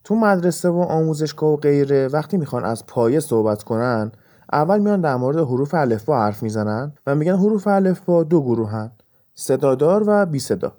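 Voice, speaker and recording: A man's voice: on the high side, lively intonation, dark tone. A man hosting an educational podcast, patiently explaining things step by step with examples. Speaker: podcast host and English teacher.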